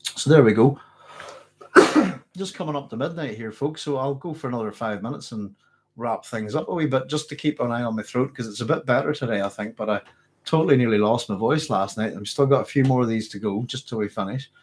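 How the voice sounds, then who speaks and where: The host of a science fiction channel takes viewers' questions during a late-night live Q&A, his husky, mid-range voice moving fairly quickly. He chats loosely and rambles, often correcting himself as he answers.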